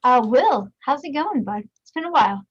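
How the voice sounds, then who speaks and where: A woman hosting a casual online show, loud and bubbly, over a desk mic with a harsh, staticky edge. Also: sits high, animated, normal speed, muffled recording. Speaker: host. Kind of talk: casual video-call chat. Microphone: USB desk microphone.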